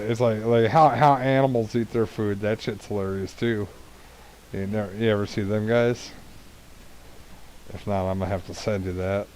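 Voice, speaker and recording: A man's voice: fairly low pitch, darkish tone, a little hiss or hum, rough recording. A man streaming a game, chatting casually in a crude, joking, rambling way. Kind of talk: casual chat while gaming.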